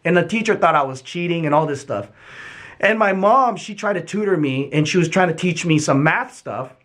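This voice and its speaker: A man's voice: a little high, normal speed. A young man telling stories from his childhood in a casual, candid monologue, swearing freely and acting out the people he quotes. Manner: candid and profane, animated retelling.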